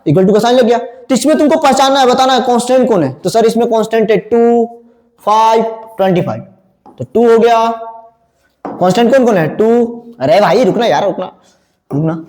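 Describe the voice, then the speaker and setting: A man teaching a math class, firing quick questions at his students and answering them himself. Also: very high-pitched, expressive, darkish tone. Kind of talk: classroom lecture. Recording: echoey room with long reverb.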